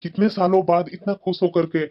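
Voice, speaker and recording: A woman's voice: lowish voice, flat delivery, fairly quick, lightly acted. A woman voicing a caring, anxious older father-in-law in a cartoon, talking in a pleading, fretful way. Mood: instructing. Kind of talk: cartoon voice acting. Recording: dull lo-fi recording.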